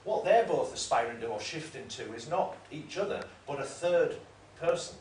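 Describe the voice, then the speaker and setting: A man's voice: a little high, expressive, normal speed, darkish tone. A man giving an academic lecture in a discursive, explanatory way, often correcting himself. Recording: roomy room, mic at a distance, faint noise.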